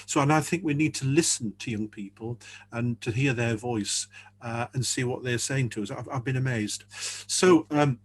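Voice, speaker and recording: A man's voice: medium pitch, normal speed, a little hiss or hum. A man speaking earnestly as a church leader in a panel discussion over a video call, often repeating words as he thinks.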